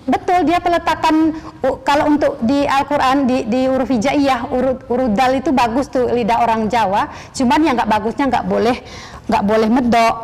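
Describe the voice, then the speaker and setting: High-voiced woman teaching Quran pronunciation. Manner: patient, repeats syllables slowly for students to copy. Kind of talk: online pronunciation lesson. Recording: long hall reverb.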